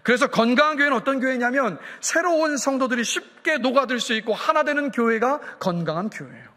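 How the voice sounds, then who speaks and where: A man from the Chungcheong region preaching a sermon as pastor, putting repeated questions to the congregation and building to emphatic high points. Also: expressive, brisk, bright, forceful tone. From South Korea, Chungcheong region. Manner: fires rhetorical questions at the congregation, rising to emphatic peaks. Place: church sanctuary. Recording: long reverb of a church hall.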